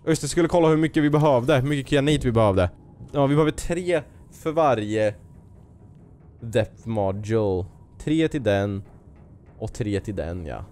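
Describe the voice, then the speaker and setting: A man hosting a let's play, full of jumpy nervous exclamations, joking and muttering to himself and talking back at the game's creatures. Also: mid-range voice. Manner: excitable and jumpy, sudden nervous outbursts and exclamations; talks to the game creatures, jokes and mutters to himself. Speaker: gaming video host.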